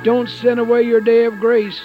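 A man's voice: very high-pitched, completely flat delivery, moderate pace, faint music behind. A man preaching a radio sermon, telling his own story and earnestly pleading with listeners. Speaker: radio evangelist. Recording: dull lo-fi radio broadcast.

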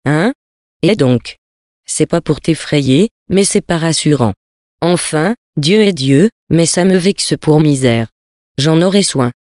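A man reading a sea story aloud, with steady, even storytelling and lightly voiced dialogue. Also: on the high side, slow, no echo, studio quality. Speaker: reader.

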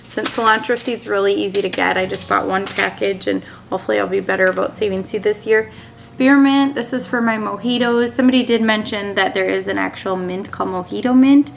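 Upbeat homestead vlogger lady, bit of vocal fry, chatting at her dining table, lots of ums. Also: medium pitch, fairly even intonation, brisk, hardly any pauses, a little hiss or hum. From Minnesota, USA. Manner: chatty, upbeat, many ums, shows seed packets. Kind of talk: casual chat to camera. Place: small indoor dining room at a wooden table.

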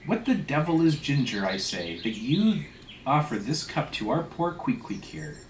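A man's voice: medium pitch, sing-song, normal speed, roomy sound, recorded from a distance, a little hiss or hum, natural voice. A man reading a storybook sea tale as an indignant, sarcastic ship's mate who scolds in emphatic, mock-polite rhetorical questions. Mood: sarcastic outrage. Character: indignant, sarcastic male whaling second mate, suspicious and blustering. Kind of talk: dramatic reading of a classic sea novel.

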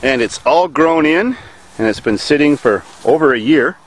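A man's voice: on the high side, normal speed, low-quality recording. A man hosting a hands-on car vlog, giving folksy, joking running commentary outdoors in a grassy farm field on a handheld camera mic. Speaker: car channel host. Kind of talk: casual hands-on vlog narration. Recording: camera audio with steady background noise.

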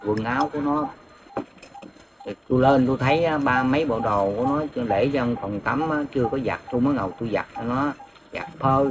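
Old southern vietnamese guy, 70s, halting and hesitant, lots of noise in the background. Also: medium pitch. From An Giang, Vietnam. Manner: halting, hesitant, full of fillers and restarts. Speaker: father searching for his missing daughter. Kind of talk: emotional interview answers. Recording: noisy background.

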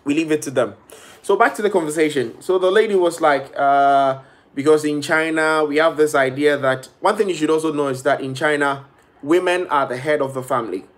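His voice sits on the high side and moves fairly quickly as this young man from Ghana talks to viewers on a live stream. He is in a small bedroom, casual and animated, gesturing a lot and quoting people in shifting voices, with a laptop or phone webcam at arm's length as the mic.

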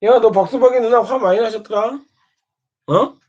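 Needling high-voiced man, scolding. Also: normal speed, darkish tone. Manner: needling, keeps prodding with "eh?"; scolding, mocking. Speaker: streamer. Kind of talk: taunting monologue at another streamer. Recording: dull lo-fi sound.

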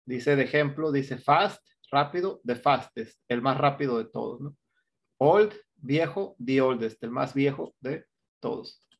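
At a measured pace, a man with a medium-pitched voice, vocal fry, and a Mexican Spanish accent teaches English grammar online. His explanations go step by step, punctuated by frequent "¿no?" checks.

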